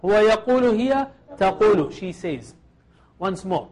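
A man's voice: high voice, animated, slow, a little mellow. A man teaching Arabic verbs to a class, patiently drilling each form and having students repeat after him.

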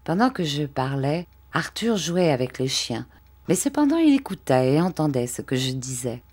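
A woman narrating a literary audiobook, reading in a measured, expressive way. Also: sits low, husky.

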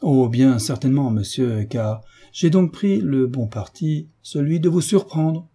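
A man voicing a sly, ironic hunchbacked marquis in an audiobook, teasing with drawn-out courtesy. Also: medium pitch, lively intonation, warm tone, breathy edge, voice pushed up. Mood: mocking. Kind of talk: audiobook character reading.

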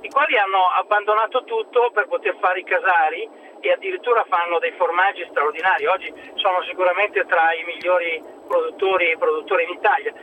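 A man's voice: high voice, a little fast, bright, forceful tone. A man calling in over the phone as a food expert, chatting and telling anecdotes. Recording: tinny phone line with faint noise.

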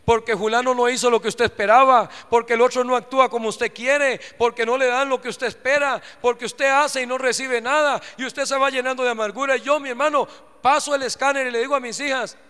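Casting: male Costa Rican pastor, very high ringing voice, fervent live sermon, reverberant church hall. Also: bright, forceful tone, clean tone. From Costa Rica. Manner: fervent preaching with repeated address to the congregation. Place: church sanctuary.

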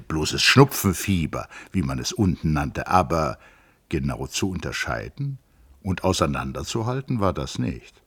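A man reads a classic novel aloud in a very low voice with a husky grain. His delivery is measured and expressive, with each sentence shaped with care. It is the sound of a literary audiobook reading. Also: dry recording. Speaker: audiobook reader.

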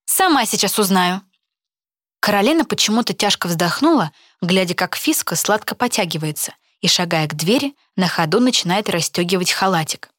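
A woman's voice: on the low side, expressive, a little fast, few pauses, fairly bright tone, no echo, clean studio sound. Woman narrating a story in first person. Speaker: audiobook narrator.

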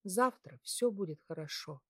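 A woman voicing a possessive man's text messages, in a soft, intimate, lowered voice. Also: animated, moderate pace, husky, no room sound, studio quality. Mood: soft intimacy.

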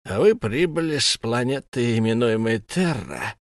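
A man's voice: mid-range voice, sing-song, normal speed, dry recording, clean studio sound. A man voicing a smug, menacing humanoid alien interrogator who lisps, in an audiobook. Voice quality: lisping. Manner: mocking, condescending questioning. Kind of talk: audiobook character voice.

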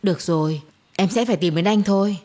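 A cold, manipulative young man, read by a woman narrator, speaking calmly and smugly in an even tone. The husky, breathy voice stays flat and unbothered. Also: medium pitch, quick pace, close to an everyday voice. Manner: calm, smug, flat.

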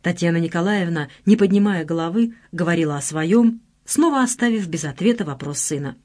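A woman narrating an audiobook with an expressive storytelling delivery. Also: fairly low pitch, fairly quick.

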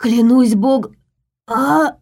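A woman playing a hoarse, terrified man. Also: lowish voice, fairly even intonation, takes it slowly, dark tone, heavily acted. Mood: hoarse strained. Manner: pleading, desperate.

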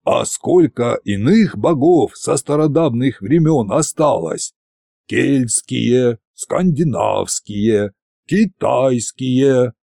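A man voicing a sly, brooding old tsar who muses in a slow, conspiratorial way. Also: medium pitch, expressive, vocal fry, warm tone, no echo, studio quality. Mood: musing.

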